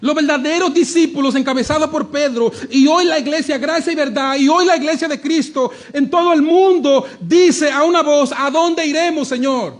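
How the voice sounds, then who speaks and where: High-voiced preacher. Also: male voice, moderate pace, few pauses. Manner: animated preaching, acting out quoted voices, shifting between hushed and shouted. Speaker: pastor. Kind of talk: sermon.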